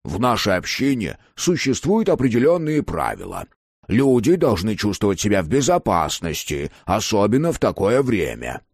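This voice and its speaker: A man voicing a calm, menacing male community leader who speaks with cold politeness. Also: lowish voice, moderate pace, no room sound, clean studio sound, exaggerated voice. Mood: coldly polite. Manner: smooth, coldly polite.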